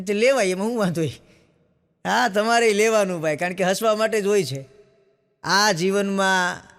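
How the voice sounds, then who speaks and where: A man's voice: sits high, a bit bright. A man telling jokes in a live folk comedy routine, acting out characters as the audience laughs. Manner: chatty storyteller, acts out characters, crowd laughing along.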